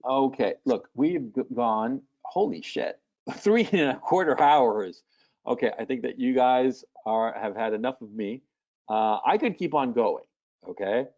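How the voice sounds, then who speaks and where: A man's voice: mid-range voice, expressive, unhurried, darkish tone. Blunt, casual man coaching callers in a live webinar, slightly lo-fi sound. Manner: blunt, casual, swears freely.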